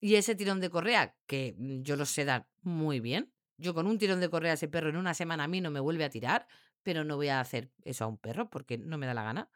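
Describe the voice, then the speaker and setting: Jokey low-voiced woman dog trainer. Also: fairly quick, dry recording, studio quality. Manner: animated and jokey, mimics barked commands. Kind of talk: casual explanatory talk.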